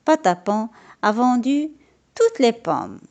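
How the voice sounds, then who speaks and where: Slow lively woman reading children's stories. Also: a little high, creaky. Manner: slow, expressive, lilting narration. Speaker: storyteller.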